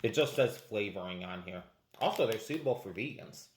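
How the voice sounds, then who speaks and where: A man's voice: on the low side, animated, fairly quick. Man eating sour candy, talking in echoey room. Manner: talking with hard candy in his mouth. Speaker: taste-test video presenter. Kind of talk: casual unscripted vlog chat. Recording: roomy echo, faint background noise.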